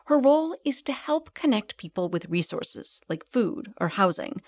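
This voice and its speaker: Gravelly-voiced woman radio reporter. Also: medium pitch, very animated, moderate pace, a little mellow, no room sound. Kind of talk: scripted radio narration.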